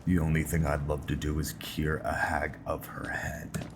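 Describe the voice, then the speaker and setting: This gaming video host has a rumbling low, creaky voice and a completely flat delivery at normal speed. Over game music, he offers casual let's-play commentary on a role-playing game, joking and musing aloud.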